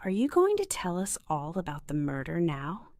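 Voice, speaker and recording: A woman's voice: on the low side, huge pitch swings, normal speed, a little mellow, no echo, studio quality. A woman voicing a harsh male police inspector who barks bullying questions in a read-aloud storybook. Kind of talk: storybook reading.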